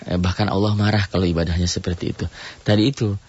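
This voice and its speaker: Low-voiced man giving a chatty radio lesson. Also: fairly even intonation, quick pace, husky. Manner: conversational, frequent "ya" and "gitu" tags, mimics loud worshippers in a high voice. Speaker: radio religious teacher. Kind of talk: informal radio religious lesson. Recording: dull, dry radio broadcast audio.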